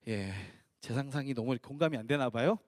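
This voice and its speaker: A male pastor preaching at a youth prayer meeting, telling the story in an animated way and acting out the scripture. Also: mid-range voice, quick pace, dry recording, studio quality.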